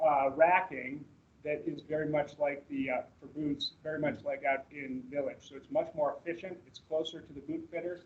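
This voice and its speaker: A man with a fairly high voice walks staff through slides in an informal orientation talk. His delivery is conversational and explanatory. The sound is dull and lo-fi, as captured in a recorded meeting. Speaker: presenter, manager at a ski resort. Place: in-person meeting room, streamed to online attendees.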